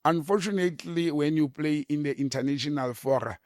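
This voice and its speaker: A South African man talking politics on a talk show, emphatic and animated, often repeating words as he starts a point. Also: a little high, brisk, dry recording, studio quality. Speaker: political commentator.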